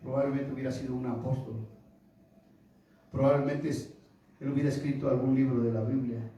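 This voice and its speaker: A man preaching a sermon, putting questions to the congregation and rising to loud, emphatic peaks. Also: mid-range voice, level tone, brisk, a little hiss or hum. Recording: echoey room from far off.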